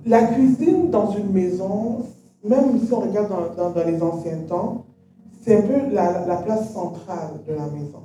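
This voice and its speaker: A woman who grew up in Canada, talking in a measured, pausing way with gentle humor in a casual faith-based conversation. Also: medium pitch, far from the mic. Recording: very echoey room, voice from afar.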